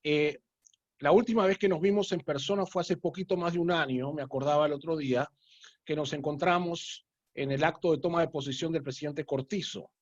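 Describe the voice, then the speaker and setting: A rabbi hosting a casual video-call interview, talking in an unhurried, friendly way with frequent filler sounds. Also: male voice, on the high side, steady tone, no room sound. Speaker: rabbi and host. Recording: dull lo-fi call audio.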